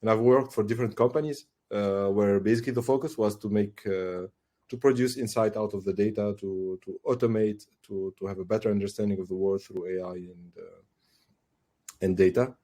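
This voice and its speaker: A man's voice: fairly low pitch, steady tone, a little fast, warm tone. A man in his forties from Tunisia, a podcast guest talking thoughtfully with many fillers and restarts. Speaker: guest, AI director. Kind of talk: casual podcast interview.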